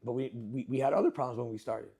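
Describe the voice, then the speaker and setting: A young man who owns a restaurant chats as an interview guest, telling stories with lots of energy and acting out his customers and staff. His mid-range voice is fast and creaky, with a dark tone and a breathy edge.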